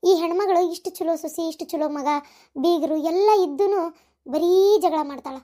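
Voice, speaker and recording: A woman voicing a kindly older mother-in-law possessed by a spirit, speaking softly and coaxingly with a North Karnataka accent. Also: very high-pitched, brisk. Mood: content. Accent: North Karnataka Kannada.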